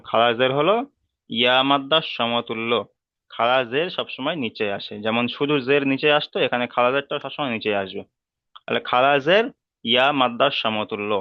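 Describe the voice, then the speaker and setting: Speaking in a smooth, mid-range voice, a Bengali-accented man leads a slow, step-by-step reading lesson, patiently repeating every term and stretching out each sound. The recording is dry, and the high frequencies are cut off.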